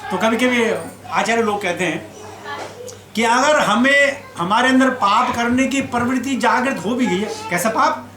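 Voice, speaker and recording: A man teaching scripture as a sermon, telling stories lively and acting out the quotes. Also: extremely high pitch, a little slow. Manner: animated storyteller who acts out quotes. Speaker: spiritual teacher. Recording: echoey room with background noise.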